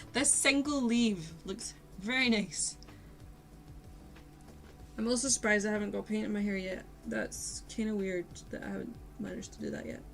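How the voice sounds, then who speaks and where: A young woman talks casually to her stream while she paints at home, chatty and quick to laugh. She often talks to herself mid-sentence. Her voice sits at an ordinary middle pitch, with faint music playing behind her. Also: steady tone, creaky, fairly bright tone, rough recording. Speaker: livestreamer.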